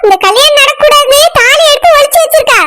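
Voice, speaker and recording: A woman voicing a loud, sharp-tongued village woman in a cartoon, with a Kanyakumari Tamil accent and a harsh, accusing way of talking. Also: very high-pitched, fast talker. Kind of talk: cartoon voice acting. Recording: heavy background noise.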